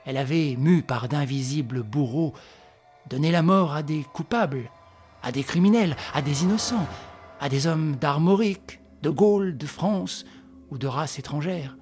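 A man reading a novel aloud as audiobook narration, in a grave, measured storytelling manner. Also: fairly high pitch, a little mellow, soft background music. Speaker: reader.

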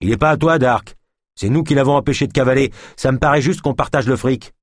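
A man's voice: medium pitch, quick pace, dry recording, studio quality, voice pushed up, natural voice. A man voicing a burly young street gang member who taunts and bargains with swagger. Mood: cocky.

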